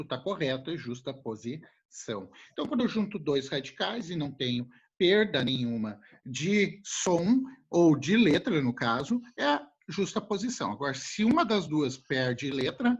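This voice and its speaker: Man, classroom teacher, jokey, husky voice, muffled lo-fi sound. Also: a little high. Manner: animated, jokey, talks to students as a group. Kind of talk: casual classroom lesson. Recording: muffled lo-fi recording.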